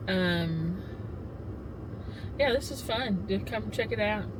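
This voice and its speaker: A woman's voice: mid-range voice, takes it slowly, noisy background. A tired woman, chatting casually as a vlog co-host and signing off to her viewers. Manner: chatty, friendly sign-off to viewers. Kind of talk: casual restaurant review chat.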